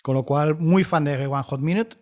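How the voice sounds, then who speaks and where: A man argues his point with emphatic enthusiasm. His voice sits a little high, and he often circles back to repeat his words. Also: normal speed. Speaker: panelist. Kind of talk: casual music debate.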